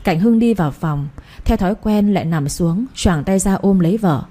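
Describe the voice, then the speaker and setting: Mellow husky woman narrating a story. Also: medium pitch, moderate pace. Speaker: audiobook narrator. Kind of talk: scripted narration of a romance novel.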